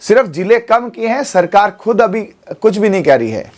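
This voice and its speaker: Male coaching teacher in his forties, light high voice, coaxing classroom manner, studio lesson. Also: animated, moderate pace, a little mellow. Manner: coaxing, keeps checking with students. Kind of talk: exam coaching class lecture.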